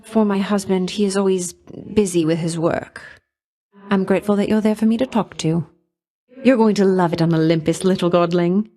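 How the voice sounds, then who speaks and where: A woman with a fairly low, darkish voice lightly acts the part of a flirtatious, vain and jealous goddess of love in a video game. She speaks in coquettish, condescending endearments that hide a veiled threat.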